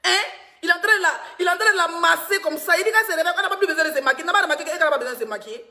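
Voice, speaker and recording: A woman's voice: very high voice, racing, pushed and bright. A woman blogger, giving teasing gossip commentary on a live stream and laughing often.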